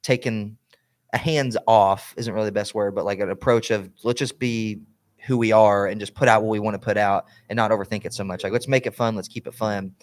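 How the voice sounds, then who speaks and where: A man's voice: lowish voice, steady tone, brisk. A young man co-hosting a podcast in casual chat, rambling with lots of fillers and restarts. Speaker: podcast co-host.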